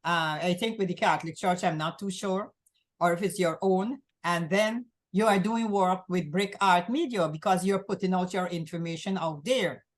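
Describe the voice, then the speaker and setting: A woman's voice: on the low side, normal speed. A woman from Guyana hosting a community access talk show, talking in long rambling runs and often repeating herself. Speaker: host.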